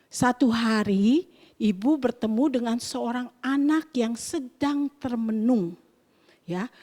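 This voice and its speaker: A woman teaching Sunday school, telling children a story in an animated way and asking them questions. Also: sits high, big-room sound.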